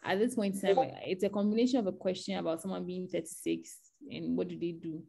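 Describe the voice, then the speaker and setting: A woman's voice: fairly low pitch, steady tone, quick pace, gravelly, mellow. A woman speaking as a guest on an online tech panel, giving earnest advice and often restarting her sentences.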